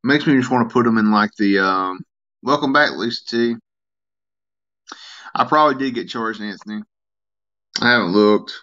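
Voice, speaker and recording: A man's voice: mid-range voice, moderate pace, long pauses, lo-fi sound. A tired man, chatting casually on a live stream and answering comments from viewers. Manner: rambling, relaxed, reads and answers chat comments. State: tired, yawning.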